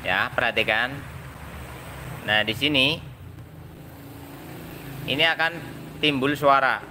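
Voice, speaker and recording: A man's voice: mid-range voice, slow pace, noisy background. A man with a Javanese accent who works as a motorbike mechanic, explaining a repair hands-on and imitating machine noises.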